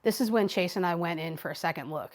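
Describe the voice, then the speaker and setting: A woman's voice: on the low side, quick pace. A woman, a paranormal investigator, recounting and narrating events in a plain, matter-of-fact way. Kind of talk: casual chat and voice-over narration. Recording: echoey room, heard from far off, with faint noise.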